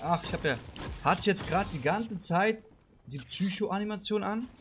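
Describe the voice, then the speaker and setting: A man live-streaming a game, chatting with viewers in street slang and giving them playful orders, breaking into loud shouts. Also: high-pitched, measured pace, noisy background. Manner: bossy playful commands to viewers; street slang, calls people bro. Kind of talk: live-stream gameplay chat.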